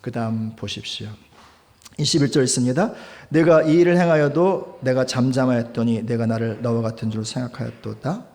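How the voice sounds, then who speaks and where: A male pastor delivering a Sunday sermon in a chatty style, asking his listeners questions and swinging from loud emphasis to hushed, near-whispered asides. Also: mid-range voice, fairly quick. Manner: conversational preaching with frequent rhetorical questions. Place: church service.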